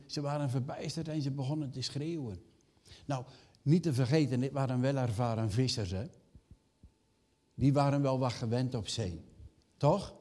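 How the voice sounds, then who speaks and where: A man's voice: mid-range voice, a little mellow. Older man, pentecostal-style sermon, rhetorical questions, emphatic quoted voices. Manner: rising emphatic acted quotes. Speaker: pastor.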